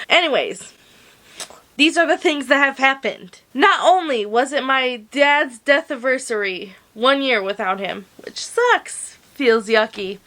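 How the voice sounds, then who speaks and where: A woman's voice: high-pitched, expressive, slow, pushed and bright. A young woman chatting to camera in a casual crochet vlog, slangy and swearing freely, on a plug-in mic at home. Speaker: crochet vlogger. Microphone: plug-in desk mic.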